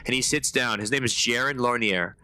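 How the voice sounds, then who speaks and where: A man streaming a game live, chatting with viewers in slangy, animated storytelling. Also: mid-range voice, brisk. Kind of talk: live gameplay commentary.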